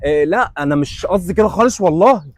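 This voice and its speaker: A man's voice: sits high, lively intonation, dry recording. A young man with an Egyptian accent playing a rude, arrogant man in a web sketch, talking brusquely and dismissively. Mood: apologetic. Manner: brusque, dismissive, quick to shout.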